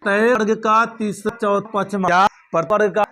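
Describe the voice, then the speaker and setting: High-voiced man teaching, quizzing himself. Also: fairly even intonation, fast talker, sharp tone. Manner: repeats points and asks rhetorical check questions. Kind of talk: classroom grammar lesson.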